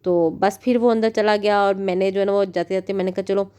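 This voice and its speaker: A woman's voice: mid-range voice, steady tone, fairly quick, mellow, clean tone. A woman in her thirties from Pakistan, a mother narrating her home routine in a chatty vlog voice-over with many fillers. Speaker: vlogger, mother.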